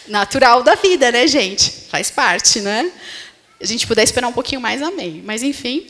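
A woman's voice: on the high side, lively intonation, moderate pace, a bit bright. A woman pastor with a Brazilian Portuguese accent preaching a sermon in a conversational way, often checking in with the congregation through tag questions. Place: church hall. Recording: long reverb of a church hall.

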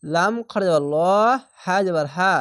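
A man's voice: sits high, steady tone, moderate pace, a bit bright, no room sound, studio quality. A man teaching Quran reading, who spells out each letter and syllable, repeats the sounds and stretches the vowels before joining them into words. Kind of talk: step-by-step recitation lesson.

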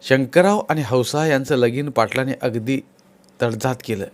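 A man narrating a village novel as an audiobook, reading in a steady, expressive way. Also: mid-range voice, normal speed. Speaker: storyteller.

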